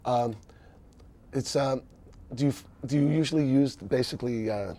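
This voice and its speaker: A man's voice: medium pitch, moderate pace, warm tone. A man hosting an interview show, asking questions in a hesitant way with many restarts. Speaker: host. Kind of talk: casual interview chat.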